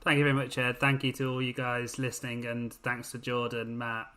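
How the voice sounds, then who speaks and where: A man's voice: medium pitch, completely flat delivery, brisk, sharp tone, a little hiss or hum. A man with a Birmingham accent on a podcast panel, earnest and friendly in his closing thoughts. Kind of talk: casual panel chat.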